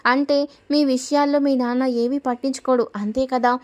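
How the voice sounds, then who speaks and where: A spiteful sister-in-law, put on by a woman storyteller, sneers and scolds. Her voice is a little high and stays on a narrow, level pitch. Every line has a sarcastic bite. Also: steady tone, moderate pace, natural voice. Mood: sneering.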